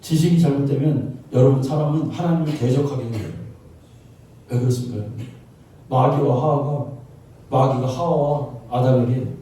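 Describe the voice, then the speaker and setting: A man's voice: mid-range voice, moderate pace, warm tone. A male pastor preaching a sermon in a church, talking conversationally with rhetorical questions and frequent affirming interjections. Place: church sanctuary. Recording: echoey church hall, mic far off.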